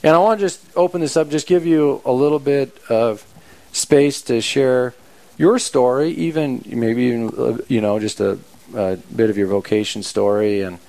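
A man hosting an interview, talking casually and warmly, with lots of fillers and restarts. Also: lowish voice, creaky. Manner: warm, rambling, full of fillers. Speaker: host.

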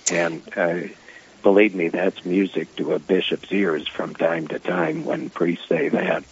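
A man's voice: deep voice, steady tone, a little slow, breathy edge. An older man, a bishop, chatting as a phone-in guest on a radio programme. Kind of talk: casual anecdote in an interview. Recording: muffled phone line on radio.

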